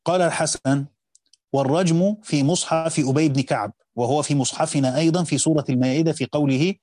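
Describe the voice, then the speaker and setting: A man with an Egyptian accent, acting as a teacher, reads a classical commentary aloud at speed and slows to explain grammar points. His voice is on the high side, steady and a little mellow, in a clean, dry studio recording.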